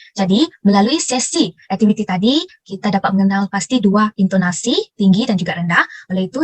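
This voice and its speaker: Young woman teacher, formal and encouraging, quick delivery, dry close sound. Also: mid-range voice, no room sound. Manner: formal, encouraging, praises students.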